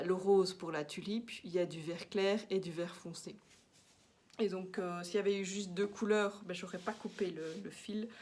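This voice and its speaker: A woman from Belgium with a Belgian French accent, chatting casually in a knitting vlog, full of fillers and restarts, recorded on a laptop at home. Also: medium pitch. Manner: chatty and self-deprecating, with many fillers and restarts, laughing often. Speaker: knitting vlogger. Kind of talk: casual chat. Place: at home, working on a work laptop. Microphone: laptop microphone.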